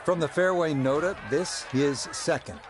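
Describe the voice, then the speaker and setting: A man's voice: fairly high pitch, a little slow, natural voice. A man voicing a composed play-by-play golf commentator in a video game broadcast. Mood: composed, approving. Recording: game music and crowd noise behind. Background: music and crowd.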